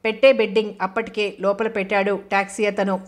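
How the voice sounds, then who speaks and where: A woman reads a novel aloud as audiobook narration, steady and measured. Her voice sits at a middle pitch with very little melodic movement. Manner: steady, level reading.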